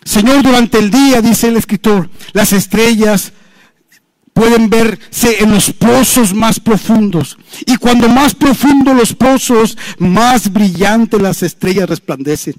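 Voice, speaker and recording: A man preaching an impassioned sermon in Spanish, often dropping low and soft when he addresses the listener as "hermano". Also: slow, no echo. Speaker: pastor.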